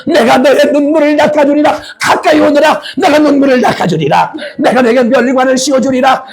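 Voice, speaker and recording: A man preaching who voices the Lord welcoming a beloved soul, proclaiming with fervent shouts. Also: extremely high pitch, brisk, vocal fry, voice pushed up. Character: adoring heavenly Lord, male, exultant.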